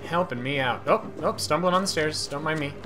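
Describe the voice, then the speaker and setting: Guy streaming a game, slightly high voice, yells and cusses at enemies, game music behind. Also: fairly quick. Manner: excitable, swears at enemies. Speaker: gaming streamer. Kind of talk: casual gameplay commentary. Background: game audio and music.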